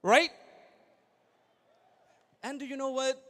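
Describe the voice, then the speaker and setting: A young man speaks on stage at a big convention, his voice sitting high for a man. He is energetic and keeps throwing questions out to the audience, pushing them to answer. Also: takes it slowly. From Thailand. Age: young adult. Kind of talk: motivational stage speech. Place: large convention hall.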